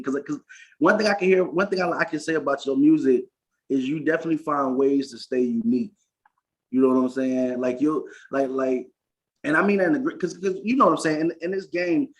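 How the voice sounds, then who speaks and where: Speaking in a fairly high pitch and at a fairly quick pace, this podcast host from Florida meanders through his interview questions, restarting often. He keeps dropping "facts" in agreement during the casual chat, and the sound is dull and lo-fi.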